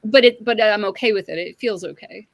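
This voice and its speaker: A woman's voice: medium pitch, brisk, gravelly, no room sound. A middle-aged woman chatting openly and reflectively in a casual group conversation, with frequent fillers. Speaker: hangout participant.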